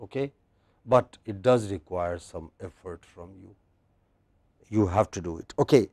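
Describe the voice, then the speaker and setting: A man giving a classroom lecture on English word stress. He speaks slowly and patiently, repeats phrases and checks that his students follow. The sound is dry and close. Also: low-pitched, a little mellow, no echo. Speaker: English pronunciation teacher.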